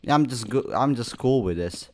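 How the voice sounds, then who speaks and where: A young man commentating a horror game, slangy and reacting with sudden loud outbursts. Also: medium pitch, expressive, moderate pace, slight background noise. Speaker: gaming YouTuber.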